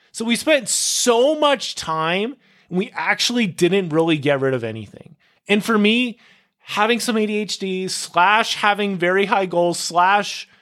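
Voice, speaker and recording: Hosting a solo podcast, a young man with a high, slightly bright voice chats loosely, drifting from one tangent to the next. "Like" and "dude" turn up constantly in his rambling talk.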